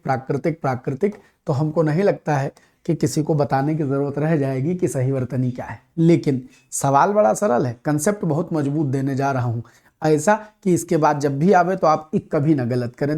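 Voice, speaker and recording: In an exam-prep grammar lesson, a male Hindi teacher speaks with a fairly high voice and dark tone. Repeated key words and rhetorical questions to his students hammer each point home.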